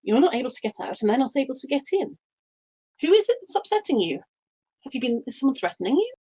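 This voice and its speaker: A woman playing a tabletop game, speaking gently and thinking out loud as she acts out her character. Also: sits high, very animated, fast talker, breathy edge, low-quality recording. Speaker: player. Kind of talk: tabletop role-play.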